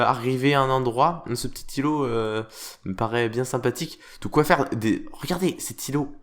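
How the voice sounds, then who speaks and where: A man's voice: medium pitch, fairly bright tone. A man hosting a semi-roleplay game video, commenting in a mock-formal, theatrical way with many hesitations. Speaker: let's play host.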